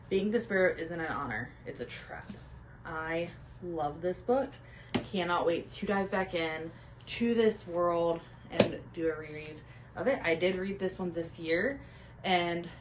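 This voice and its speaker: A young woman chatting casually about books she loves, gushing and sometimes dropping to a soft whisper. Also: lowish voice, a little hiss or hum, low-quality recording. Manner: gushing, drops to soft whispers when emotional. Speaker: book vlogger. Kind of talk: casual book chat.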